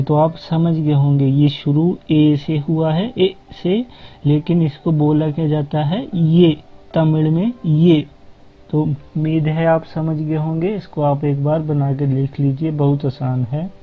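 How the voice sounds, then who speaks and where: A man teaching a language lesson, patiently repeating each sound slowly and explaining step by step. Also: a little high. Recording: tinny phone-like audio.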